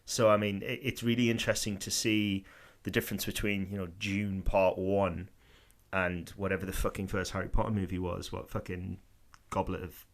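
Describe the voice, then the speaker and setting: A man with a low voice rambles through a casual podcast chat as co-host. He swears freely and leans on "I mean" to keep his thoughts going. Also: flat delivery, moderate pace.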